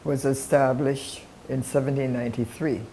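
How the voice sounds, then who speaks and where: An older man reminiscing reflectively, with deliberate and emphatic phrasing. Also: medium pitch, level tone, dark tone. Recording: echoey room, faint background noise.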